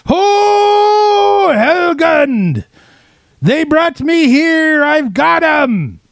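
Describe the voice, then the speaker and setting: A man voicing a boisterous captive male dwarf with a gruff, loud manner. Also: medium pitch, normal speed, dry recording, studio quality, natural voice. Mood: bellowing.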